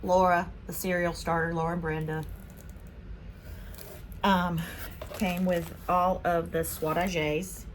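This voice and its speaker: A woman from Spain hosts a casual haul vlog, chatting away as she unboxes her purchases one by one. Her voice sits a little low for a woman, with a faint hum of room noise behind her. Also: flat delivery, slow, long pauses. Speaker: vlog host.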